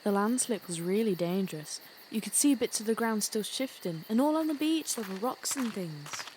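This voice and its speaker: A young actress playing an earnest, kind-hearted teenage girl in an audio play, gentle and wistful. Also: medium pitch, lively intonation, normal speed, slight background noise, close to an everyday voice. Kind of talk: youth theatre audio play.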